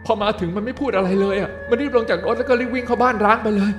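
A man's voice: very high voice, racing, music in the background, voice pushed up. A man voicing a frightened young man who is lost in a haunted house and is pleading frantically for help. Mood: panicked.

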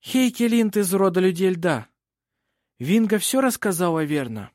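A man's voice: high voice, very animated, measured pace, a little mellow, dry recording, studio quality, pitched above the performer's own voice. A man playing a bold, commanding lawyer who declaims to the court. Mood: probing. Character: forceful male lawyer, bold courtroom orator.

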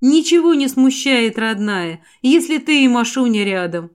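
A woman voicing a gentle, caring middle-aged mother in an audiobook, speaking softly and turning firm when worried. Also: a little high, expressive, unhurried, smooth. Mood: tender. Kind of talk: audiobook character voice.

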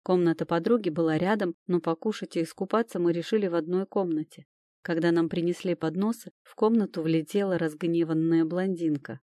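A woman narrating a fantasy romance novel in the first person, in an even storytelling manner. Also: on the low side, fairly quick, no room sound, studio quality.

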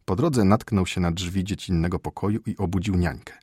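A man narrating a classic short story as an audiobook, in a measured, expressive manner. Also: low voice, husky, no room sound, clean studio sound.

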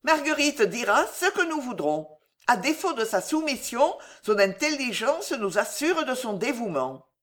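As a calculating, icy queen mother in an audiobook, the female narrator speaks in slow, deliberate, persuasive lines, her pitch lively and varied. The mood here is triumphant, delivered with measured, cool confidence.

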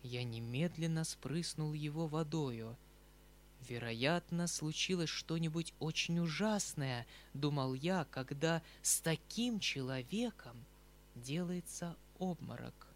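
A man reading an audiobook in a measured, dramatic narration. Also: a little high.

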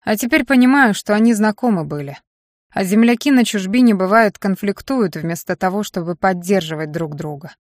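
A woman's voice: medium pitch, lively intonation, normal speed, dry recording, natural voice. A brash, wary young man, as a woman reader puts him on talks in a casual, mumbling drawl. The audiobook reading is plainly delivered. The sound is dry and close, with no room around it. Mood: musing.

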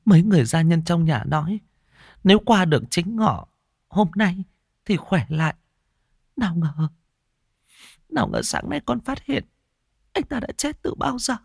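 A terrified young widow in a ghost story, high and weeping as she begs her father to take her home. Her voice climbs far above his, tearful and shaky, in a dry, close recording. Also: creaky, darkish tone, husky, dry recording, heavily acted. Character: young grieving widowed daughter, frightened and tearful.

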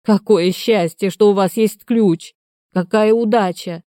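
A woman's voice: mid-range voice, measured pace, mellow, dry recording, studio quality, lightly acted. A woman voicing a desperate man who pleads in a raised, urgent voice. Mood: eager.

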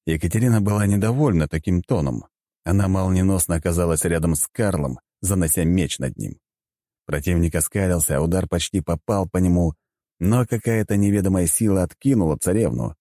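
A man narrates a fantasy audiobook in a wry, measured tone. His voice is low and mellow, recorded close and dry. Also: dry recording. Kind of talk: scripted narration.

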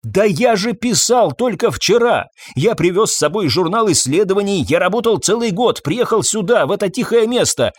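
A man voicing an agitated scientist who talks in excited, indignant outbursts. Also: high-pitched, normal speed, hardly any pauses, slightly rough, no echo, studio quality, voice pushed up. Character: agitated male scientist, middle-aged, easily flustered.

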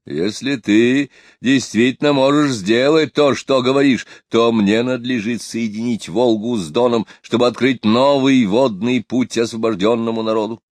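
A man voicing a furious, domineering rebel leader who claims to be tsar, shouting in slow, commanding declamation. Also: medium pitch, steady tone, dry recording, natural voice. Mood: imperious.

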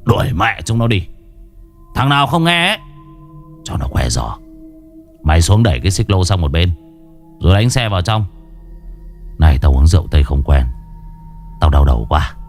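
A man voicing a drunk, irritable gangster boss who barks orders in a low growl. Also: normal speed, long pauses, soft background music, close to an everyday voice. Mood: drunk irritated.

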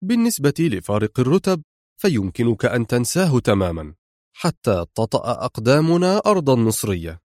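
A man voicing a calm, resolute young officer. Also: medium pitch, brisk, no echo, clean studio sound, natural voice. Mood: firm. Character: cool, firm, clever young male army lieutenant.

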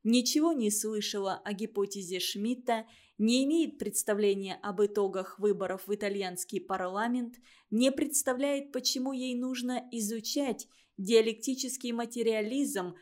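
A woman reading a novel aloud as narrator, in an expressive, measured reading. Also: on the high side. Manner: expressive reading, acting out the dialogue. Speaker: audiobook reader. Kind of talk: scripted literary narration.

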